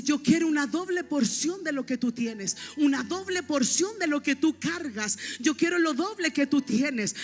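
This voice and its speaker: High-voiced woman preaching in a reverberant hall. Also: a bit bright. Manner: emphatic teaching, checks in with listeners. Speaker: pastor. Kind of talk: sermon. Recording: long reverb, faint music.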